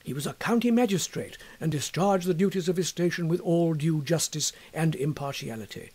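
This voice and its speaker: A man reading a classic story aloud in a wry, measured narrating style. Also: a little high, darkish tone. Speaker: audiobook reader.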